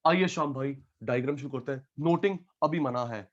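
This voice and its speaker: A man's voice: medium pitch, a little fast, lo-fi sound. A male teacher running an online class, calling out students by name and repeating key terms again and again.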